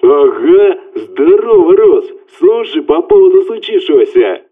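A man voicing a brash, loud male buddy heard over a phone line, with blunt, rowdy, slang-filled talk. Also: on the high side, very animated, measured pace, pitched above the performer's own voice. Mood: rowdy, chatty. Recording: tinny phone-line sound.

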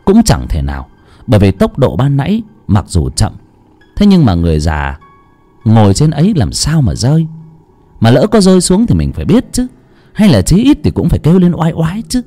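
A man narrating a ghost story in a dramatic, animated storytelling voice. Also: mid-range voice, moderate pace. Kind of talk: scripted horror narration. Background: faint background music.

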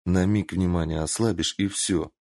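A man's voice: sits low, fairly even intonation, normal speed, a little mellow, no echo, studio quality, natural voice. A man voicing a stern, hot-tempered young princess who speaks in a commanding, growling way.

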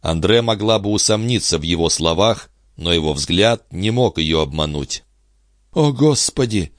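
A man reading a classic novel aloud as measured, even audiobook narration. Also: low-pitched, no room sound, clean studio sound. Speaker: audiobook reader.

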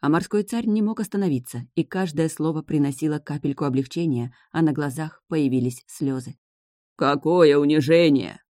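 A narrator reading a fantasy story aloud in an even storytelling delivery. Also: male voice, a little high, fairly quick, few pauses, dry recording, clean studio sound. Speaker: audiobook narrator.

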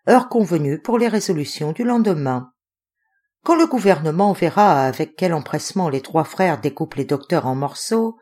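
A woman narrating an audiobook in a calm, measured reading. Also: on the low side. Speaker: audiobook reader.

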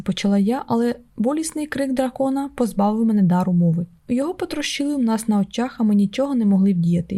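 A woman's voice: a little high, warm tone. A woman narrating an audiobook in a tense, urgent way.

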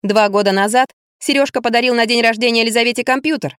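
A woman reading a first-person audiobook in a lively, expressive way. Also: a little high, fast talker, smooth, no room sound, studio quality. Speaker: audiobook reader. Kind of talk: audiobook narration.

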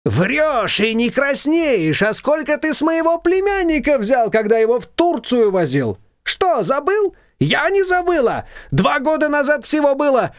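A man voicing a quarrelsome older female shop owner who scolds in shrill tirades. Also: very animated, measured pace, few pauses, no room sound, studio quality, full character voice. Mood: scolding.

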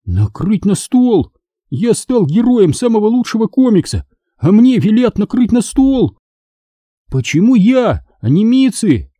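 A man voicing an eager, insistent young boy who shouts and pleads in a high voice. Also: big pitch swings, a little slow, dry recording, studio quality, full character voice. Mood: indignant.

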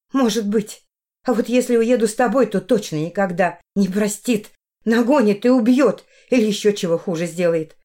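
A woman's voice: a little high, a little mellow, close to an everyday voice. A woman voicing an emotional middle-aged mother who pleads and flares up in anger. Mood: pleading. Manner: pleading, agitated outbursts.

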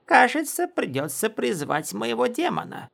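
A pompous little mage with a thin, squeaky, oddly colored voice, all offended bluster and empty threats. He sounds unlike any ordinary man, high above a normal speaking register. It comes across like a storybook fool boasting far beyond his powers. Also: wildly swooping pitch, normal speed, vocal fry, a bit bright, exaggerated voice. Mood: boastful. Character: boastful foolish male mage, high and strange.

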